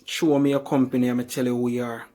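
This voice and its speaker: A man's voice: mid-range voice, little pitch movement, fast, mellow. Emphatic motivational speaker, a man. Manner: emphatic, repetitive rhetorical questions. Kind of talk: motivational speech.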